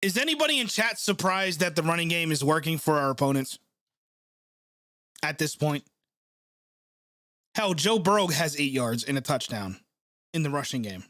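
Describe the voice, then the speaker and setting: Stuffed up from a cold, a young man hosting a sports channel reacts live to a game on his stream, giving play-by-play and reading chat. His fairly high voice is expressive, bright and forceful, moving at a moderate pace with frequent pauses as he vents in frustration with sarcasm and constant swearing. The sound is dry and close.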